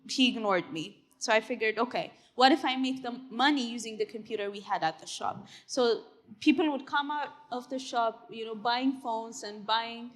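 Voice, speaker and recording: A young woman from Ethiopia presents at a conference in a fairly high voice. She speaks earnestly and conversationally as a tech CEO, dotting her talk with fillers and tag questions like "right?". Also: moderate pace, a bit bright. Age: 20s. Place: conference hall stage.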